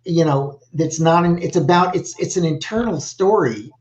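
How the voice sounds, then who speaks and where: An older man, a literary agent, giving halting, rambling feedback on a video call from a home office. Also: on the high side, a little mellow. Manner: halting, lots of 'you know' and restarts. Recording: dull lo-fi video call audio.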